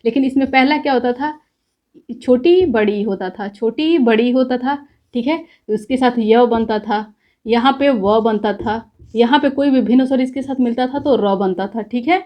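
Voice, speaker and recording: A woman's voice: a little high, normal speed, lo-fi sound. A woman teaching a grammar lesson, explaining step by step and checking in often with the class.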